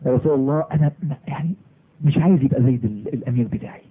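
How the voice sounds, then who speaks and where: A man with an Egyptian Arabic accent telling a sermon story, lively and acting out the dialogue. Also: slightly rough. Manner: animated, acts out dialogue in lowered voice. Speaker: preacher. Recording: phone-like recording.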